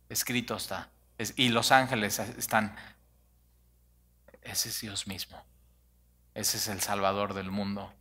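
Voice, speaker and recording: A man preaching a sermon, animated and conversational, full of rhetorical questions. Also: mid-range voice. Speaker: pastor.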